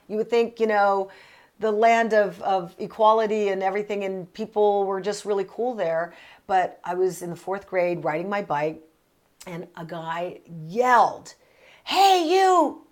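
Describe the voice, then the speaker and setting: A woman's voice: mid-range voice, moderate pace. A woman in her fifties hosting a casual advice vlog from a small closet, speaking in an earnest, direct, conversational way. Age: 50s. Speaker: parenting vlog host answering a letter.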